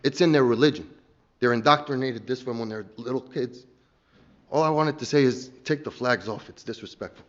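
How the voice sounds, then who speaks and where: A man from the United States speaking heatedly during public comment at a city council meeting, emphatic and sometimes halting. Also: mid-range voice, highs cut off. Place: council chamber.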